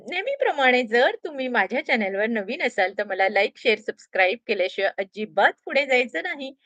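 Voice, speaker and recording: A woman hosting her channel, chatting with fillers and pauses, then reading a story aloud. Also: fairly high pitch, sharp tone, no room sound, lo-fi sound.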